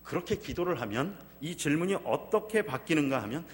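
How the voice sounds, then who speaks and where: A male pastor preaching a sermon, moving from anguished voiced prayers to calm explanation of scripture. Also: a little high, a little fast. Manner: dramatic, voicing anguished prayers then dropping to a calm teaching tone. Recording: long reverb from a church hall.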